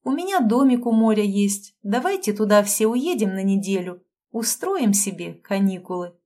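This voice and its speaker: A woman's voice: medium pitch, expressive, normal speed, warm tone, lightly acted. A woman reading an audiobook, voicing a young woman friend who eagerly proposes a getaway. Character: upbeat young woman friend with a seaside house.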